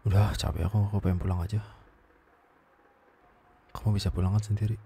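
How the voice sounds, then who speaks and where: A young man playing a hurt, weary boyfriend confronting his ex in a whispered role-play, talking soft and low and often dropping to a whisper. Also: little pitch movement, fast, gravelly, a little hiss or hum. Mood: weary reproach. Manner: tired, exasperated, soft and low. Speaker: ASMR voice performer.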